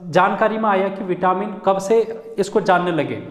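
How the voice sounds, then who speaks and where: A man's voice: high voice, moderate pace. A man teaching an exam-prep class in a chatty, casual way, often calling his students friends. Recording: echoey room with long reverb.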